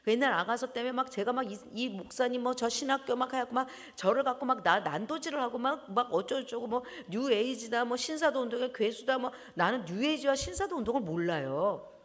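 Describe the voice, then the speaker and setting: A woman preaching a sermon in a church, animated, often laughing and breaking into loud exclamations. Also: fairly high pitch, fairly quick. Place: church hall. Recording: long church hall reverb.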